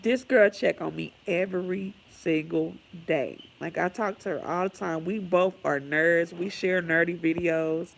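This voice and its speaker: Reading the chat aloud during a casual livestream, this host speaks a little slowly in a mid-range voice with vocal fry, hardly pausing at all. They're chatty, laugh a lot, and wander into gossipy tangents.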